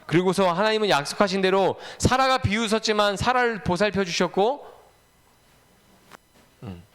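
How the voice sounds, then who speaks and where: A man's voice: sits high, animated, normal speed, fairly bright tone, clean tone. A man giving a children's sermon, telling a Bible story animatedly and quizzing the kids with questions. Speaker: children's ministry preacher.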